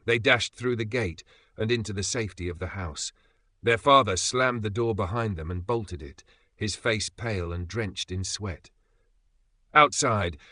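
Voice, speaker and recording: A man reading a horror story aloud in measured, scripted narration, slowing down on grim moments. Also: on the low side, sharp tone, dry recording, clean studio sound.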